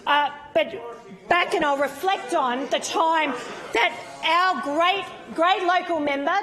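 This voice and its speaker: A woman's voice: very high-pitched, slow, crowd noise. A woman with an Australian accent giving an emphatic parliamentary speech as an opposition member, repeating phrases for effect. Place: parliamentary chamber.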